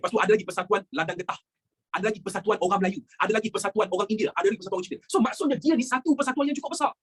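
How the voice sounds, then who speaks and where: A fast-talking young man teaching history with a Malaysian Malay accent. His voice is high and slightly husky. He explains to his class with lively energy, mixing in English phrases and acting out quotes. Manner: animated, mixes English phrases, acts out quotes.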